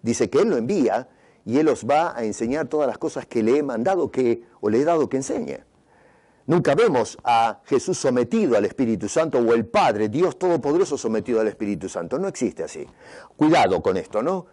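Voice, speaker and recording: A man's voice: medium pitch, lively intonation, fairly quick, darkish tone. A man preaching a sermon as pastor, with emphatic rising and falling delivery, stumbling and restarting over some words.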